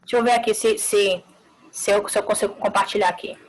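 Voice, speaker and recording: A woman teacher giving a live online class, explaining slowly, repeating words and checking with short tag questions. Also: medium pitch, steady tone, low-quality recording.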